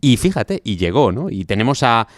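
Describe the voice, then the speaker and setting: A man with a Spanish accent, a guest historian talking through a story in a relaxed interview, with many fillers. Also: mid-range voice, moderate pace, no echo, studio quality. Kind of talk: conversational interview.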